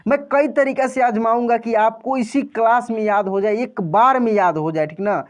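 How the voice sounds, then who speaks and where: A man's voice: very high voice, normal speed. A patient man teaches a video lesson to grown learners. He repeats each point, stretches and stresses vowel sounds so they can copy him, and keeps asking whether they understand. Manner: patient and repetitive, drawing out vowel sounds loudly for practice; addresses viewers as friends and often checks understanding.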